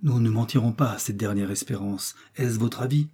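A steady, commanding explorer doctor , read by a man with a dark, slightly husky voice. He lays out plans in a calm, reasoned way. This is an audiobook read aloud. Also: lowish voice, moderate pace. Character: resolute learned explorer doctor, middle-aged man.

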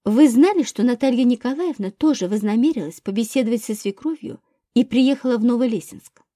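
A woman's voice: on the high side, brisk, warm tone, no echo, clean studio sound, close to an everyday voice. A woman reading a male police investigator who fires curt, scornful questions in her own voice. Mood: probing. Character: sardonic male police investigator, probing and mocking.

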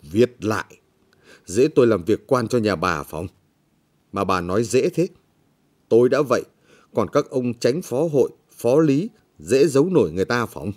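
A man's voice: medium pitch, sing-song, normal speed, a little mellow. A man voicing a bullying, greedy village official who talks down harshly and scornfully. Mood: menacing.

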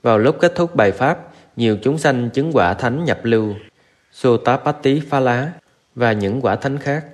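A man reading a Buddhist scripture aloud in a steady, measured recitation, with Pali verses woven in. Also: medium pitch. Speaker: narrator.

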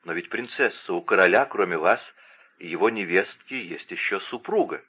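A man's voice: sits low, animated, moderate pace, husky, muffled recording. A man reading an audiobook voices a respectful, restrained young count who is secretly in love.

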